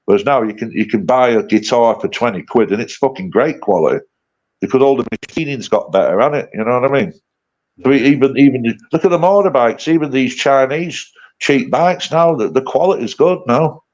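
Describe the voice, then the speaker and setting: A man's voice: mid-range voice, lively intonation, fairly quick, darkish tone. A man in his late fifties chatting casually on a livestream, blunt and sweary, rambling through his banter. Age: 50s. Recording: dull lo-fi stream audio.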